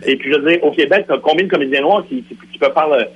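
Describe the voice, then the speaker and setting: A man's voice: fairly high pitch, very fast, husky. A man with a Quebec French accent, a radio guest arguing insistently in a heated debate. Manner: insistent, argumentative. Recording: lo-fi radio broadcast.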